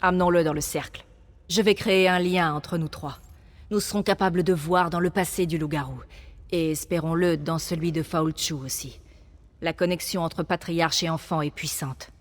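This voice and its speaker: An actress playing a resolute, self-sacrificing noblewoman mage in a video game, speaking in a solemn, measured manner. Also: fairly low pitch, fairly even intonation, natural voice. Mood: solemn resolve. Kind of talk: dramatic video game acting.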